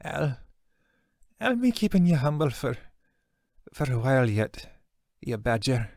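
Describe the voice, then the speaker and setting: A man's voice: medium pitch, big pitch swings, measured pace, creaky, darkish tone, no room sound, clean studio sound, pitched above the performer's own voice. A man voicing a wounded woman who teases an old friend in a breathless way, read in a storybook. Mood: teasing. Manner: breathless, teasing.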